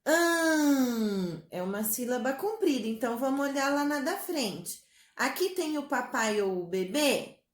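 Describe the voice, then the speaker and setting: A woman teaching a spelling lesson to young children in a slow, sing-song way, with a Brazilian Portuguese accent. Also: high voice, animated. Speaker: primary school teacher. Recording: echoey room.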